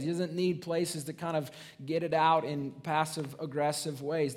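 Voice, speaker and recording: A man giving a sermon in a relaxed, conversational way, full of restarts and "right?" tags. His voice sits a little high for a man. He slips into the voices of people in the story as he tells it. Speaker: pastor.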